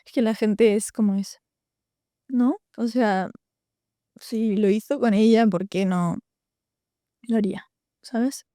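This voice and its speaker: Young woman, halting, confiding, dry close sound. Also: a little high, dark tone, no echo. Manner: halting and confiding, many restarts and "¿sabes?". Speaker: podcast host. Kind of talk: personal storytelling in a podcast conversation.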